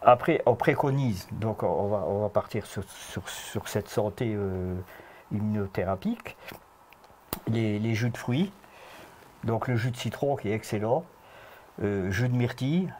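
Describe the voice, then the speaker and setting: A man's voice: on the low side, a little slow, a little mellow, a little hiss or hum. A man with a Lorraine accent, explaining home health remedies in a folksy, chuckling way during a casual chat. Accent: Lorraine French. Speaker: guest herbal health advisor.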